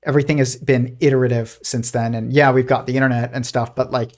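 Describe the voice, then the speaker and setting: Speaking fast in a flat, slightly mellow medium-pitched voice, the host of a live physics show chats casually. He rambles, restarts often and leans on fillers, adopting a posh old-timey tone when quoting.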